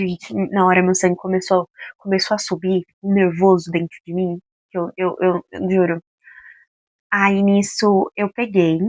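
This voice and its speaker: A young woman from Brazil in her twenties, telling a personal story to her followers in a casual, expressive way and acting out what each person said. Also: mid-range voice, no echo. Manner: expressive, animated, acts out quoted lines. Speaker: vlogger.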